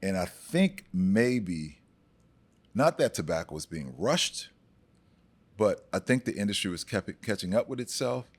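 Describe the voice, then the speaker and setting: A man's voice: lowish voice, sing-song, measured pace, breathy edge. A man in his forties, a podcast guest, speaking in an easygoing way and often repeating and stumbling over his words. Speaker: brand ambassador guest. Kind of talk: casual conversation.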